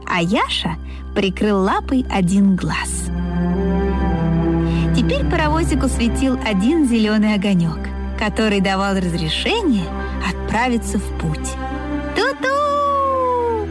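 A woman reading a children's story aloud in an expressive, lilting way. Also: medium pitch, a little slow. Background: soft music.

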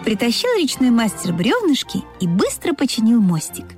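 A woman reading a children's story aloud in an expressive, lilting way. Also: a little high, moderate pace. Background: soft music.

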